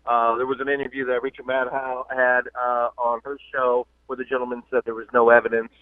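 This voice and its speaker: A man's voice: medium pitch, flat delivery, brisk, no echo. A man from the southern US calls in to a radio show, his voice thin and tinny over a dry phone line. He talks in a mid-range voice, hesitant and full of uhs, and loses the thread of his sentences when pressed. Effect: calling in over a phone line.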